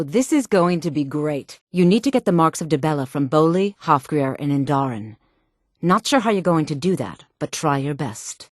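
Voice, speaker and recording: A self-assured woman from a fantasy video game speaks in a low, smooth, sultry, darkish voice, poised and secretive. Her dialogue is teasing, condescending and flirtatious, sure of her own worth, and the recording is dry with no room sound.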